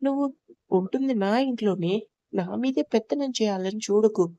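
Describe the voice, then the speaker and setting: A woman's voice: medium pitch, moderate pace, warm tone, no room sound, dull audio, natural voice. Teasing, bossy young husband, as a woman puts him on. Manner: mocking, bossy.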